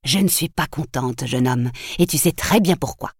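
A woman reading the part of a sixty-year-old nanny who is gentle but firm, in a dry, low voice. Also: lively intonation, normal speed, husky, no echo, full character voice. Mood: stern. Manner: soothing, then stern with the boy.

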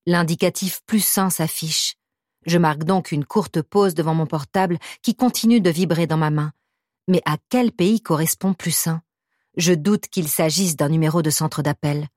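Low-voiced woman reading an audiobook. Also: moderate pace, a little mellow, no room sound, studio quality. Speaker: audiobook narrator. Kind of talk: first-person audiobook narration.

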